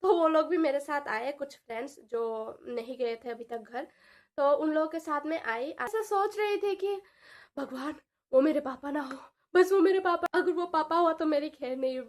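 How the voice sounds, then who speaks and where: A woman in her twenties telling a personal story in an animated, dramatic way, mixing in English words and slang. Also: high-pitched, normal speed. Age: 20s. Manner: animated, dramatic retelling with frequent asides. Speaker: vlogger. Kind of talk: casual storytelling vlog.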